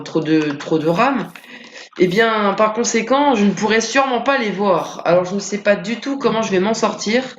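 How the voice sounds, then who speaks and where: A man's voice: roomy sound, a little hiss or hum. Chatty young man rambling over gameplay. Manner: rambling, filler-heavy, panics into high yelps. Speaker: gameplay commentator. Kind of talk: Minecraft let's play commentary.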